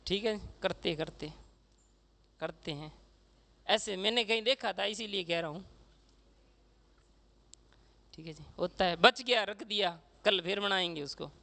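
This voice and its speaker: A male teacher from Rajasthan, lecturing a class in a chatty way and filling pauses with "okay". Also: high-pitched, creaky, pushed and bright. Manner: chatty, says "theek hai" constantly, acts out regional speech.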